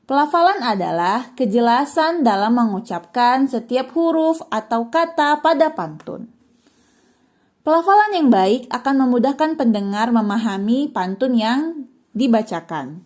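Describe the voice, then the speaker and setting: A woman's voice: on the high side, expressive, a little slow, a little mellow. A young woman teaching an online lesson to children, cheerfully asking questions and answering them herself. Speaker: religious school teacher.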